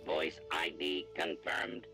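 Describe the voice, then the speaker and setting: A man's voice: slow pace, over music. A man voicing a male voice-lock computer in a video game, speaking in a synthetic processing voice with clipped, toneless announcements. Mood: mechanical.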